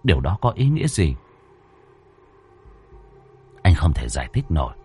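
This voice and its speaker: Lively, low-voiced male ghost story narrator. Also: normal speed, husky. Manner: dramatic, expressive storytelling.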